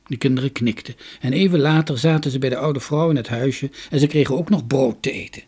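A man reading a children's story aloud with expressive, lilting delivery. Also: mid-range voice, a little fast, slightly rough.

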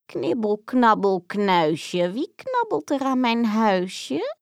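A woman's voice: on the high side, sing-song, takes it slowly, a little mellow, dry recording, studio quality, full character voice. A woman voicing a cunning, cruel old witch in a storybook reading, sweet-voiced and gloating. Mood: luring.

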